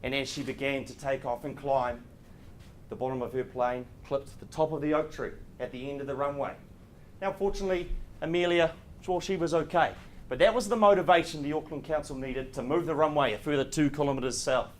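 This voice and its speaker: A man's voice: a little high, brisk. A man speaking as an auctioneer, in polished, courteous, formal auction patter. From New Zealand. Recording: clear background room noise.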